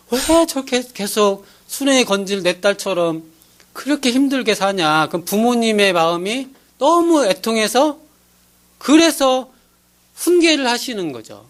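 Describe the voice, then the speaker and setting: A male pastor preaching a sermon in an earnest, pleading way, acting out little scenes as he goes. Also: very high-pitched.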